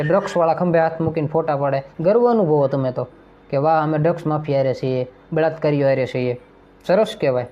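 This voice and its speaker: Fiery man giving a political rant. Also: sits high. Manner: fiery, rhetorical, accusing, repeated questions. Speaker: political commentator. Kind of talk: impassioned political speech. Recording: dull lo-fi audio.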